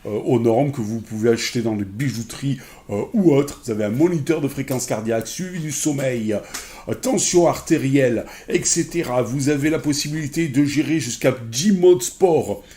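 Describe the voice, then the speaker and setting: A man's voice: mid-range voice, moderate pace, dark tone. A man giving a casual unboxing review of a smartwatch, rambling with many fillers and self-corrections while handling the product. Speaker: tech reviewer.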